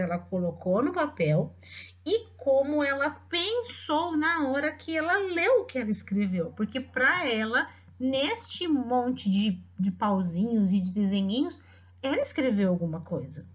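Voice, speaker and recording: A middle-aged woman teacher with a Brazilian Portuguese accent, patiently explaining to parents and dictating words slowly. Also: high-pitched. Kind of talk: instructional talk to parents. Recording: dull lo-fi audio.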